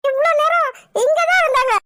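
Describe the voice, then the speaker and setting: Cartoon role: woman doing a gossipy village aunty, shrill and quick-talking. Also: bright, forceful tone. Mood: insistent. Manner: complaining, insistent. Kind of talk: cartoon voice acting.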